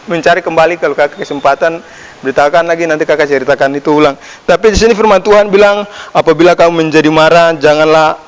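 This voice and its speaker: Young man teaching kids in echoey church. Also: fairly high pitch. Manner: addresses children as their older brother, asks questions, lively rises. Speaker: Sunday school teacher. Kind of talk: children's sermon. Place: church hall. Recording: long echo of a church hall.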